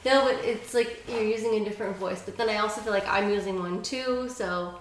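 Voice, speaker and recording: A woman's voice: medium pitch, fairly quick, slight background noise. Bubbly giggly woman guest, echoey room. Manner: bubbly, giggly, many fillers. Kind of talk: casual podcast chat.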